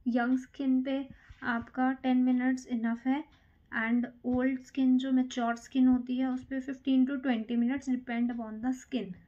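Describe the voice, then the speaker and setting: Beautician woman, slow calm instructor, slightly high voice, dull lo-fi salon recording. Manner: calm, counts strokes aloud while working. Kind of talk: step-by-step facial massage instruction. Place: salon treatment room.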